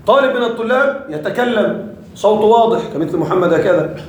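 A man leads a grammar class in a high, bright voice. He keeps asking his students questions. The sound rings heavily off the walls of a reverberant room. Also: a little fast, a little hiss or hum. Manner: lively, quizzes students with rhetorical questions. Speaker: Arabic grammar teacher. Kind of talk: classroom lesson.

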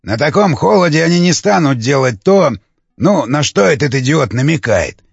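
A man's voice: on the high side, very animated, moderate pace, creaky, slightly rough, no echo, dull audio, heavily acted. A man reading an audiobook, voicing a grumbling, down-to-earth adult companion. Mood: dismissive.

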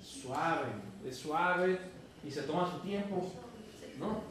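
A man from northern Mexico with a northern Mexican accent, teaching a class, joking and calling on students by name while repeating sounds slowly. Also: a little high, recorded from a distance, a crowd in the background. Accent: northern Mexican Spanish. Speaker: Esperanto teacher. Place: university classroom. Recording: very echoey classroom taped from afar.

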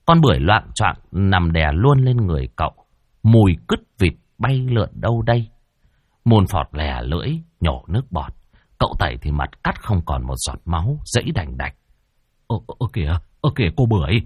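A man's voice: sits low, slightly rough, no room sound, studio quality. A man narrating a comic ghost story in a playful, vivid way.

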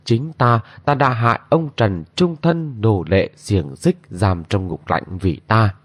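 In an anguished performance, a man with a fairly low voice plays an aging noblewoman crying out over old guilt in long, drawn-out wails. The recording is dull and lo-fi, with no room sound.

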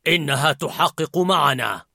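A man voicing the hot-tempered male emotion Anger, loud and seething. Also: fairly high pitch, expressive, moderate pace, vocal fry, no room sound, studio quality, full character voice. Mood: furious.

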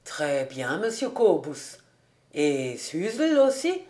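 A woman voicing a humble old male farmer who speaks softly, low and respectfully in an audiobook. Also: very animated, slow pace, exaggerated voice. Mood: gentle.

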